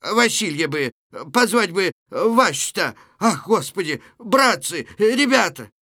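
A gentle old wanderer with a homely, folksy way of talking, as a man reads him. His voice is lively and bright. The sound is close and dry. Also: mid-range voice, a little slow, no room sound. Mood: alarmed. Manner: soft, folksy.

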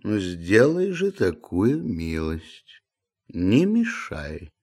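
A man's voice: medium pitch, wildly swooping pitch, slow pace, voice pushed up, exaggerated voice. A man voicing a lazy, sleepy male landowner who grumbles peevishly at being woken. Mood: drowsy, peevish.

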